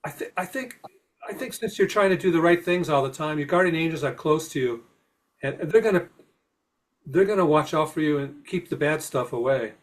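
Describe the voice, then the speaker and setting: A man with a slightly high voice hosts a spiritual podcast conversation. He speaks warmly encouraging words with a reassuring tone, often pausing and restarting his sentences. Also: animated. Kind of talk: casual spiritual discussion.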